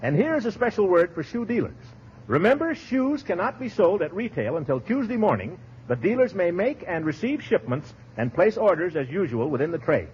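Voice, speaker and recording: A male radio announcer giving a formal wartime news bulletin, heard through an old 1940s broadcast recording, with an emphatic, crisp delivery. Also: high-pitched, sing-song, brisk, a little mellow, slight background noise. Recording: dull lo-fi vintage broadcast.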